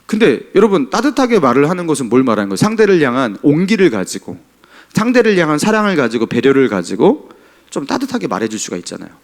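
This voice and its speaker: A middle-aged pastor preaching a Sunday sermon in a church, asking the congregation questions. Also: male voice, on the high side, huge pitch swings, fast. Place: church sanctuary.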